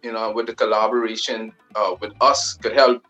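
A man's voice: on the low side, level tone, normal speed, sharp tone, faint music behind, low-quality recording. A man from the Bahamas with a Bahamian accent, a new artist talking loosely over a video call, full of fillers. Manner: loose and rambling, many fillers. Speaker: new recording artist, guest. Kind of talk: casual interview chat.

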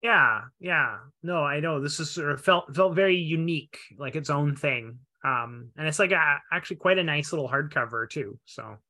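Bright-voiced hesitant man chatting. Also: on the high side, moderate pace, hardly any pauses. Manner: relaxed, hesitant, restarts and trails off. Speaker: podcast co-host. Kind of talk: casual book-club chat.

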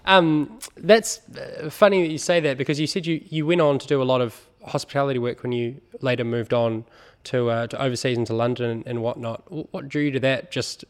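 A man's voice: medium pitch, steady tone, brisk, clean tone. A man hosting a casual interview, asking friendly, encouraging questions. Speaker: interview host.

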